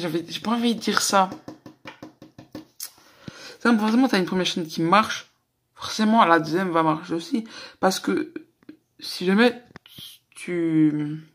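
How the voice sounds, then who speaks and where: A man's voice: high voice, unhurried, long pauses, a bit bright. A young man doing casual reaction commentary, rambling, slangy and swearing a lot. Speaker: reaction YouTuber.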